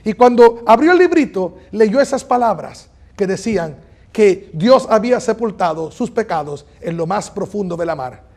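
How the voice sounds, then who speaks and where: High-voiced preacher with emphatic pacing. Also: male voice, animated, darkish tone. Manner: earnest, emphatic, slows on key phrases, repeats for effect. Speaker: pastor. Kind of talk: sermon.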